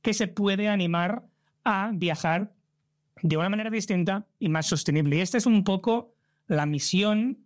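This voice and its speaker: Earnest Spanish man from Barcelona, higher voice. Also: moderate pace, no echo, clean studio sound. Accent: Spain. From Barcelona, Spain. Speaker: travel content creator and trip organizer. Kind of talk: conversational interview answers.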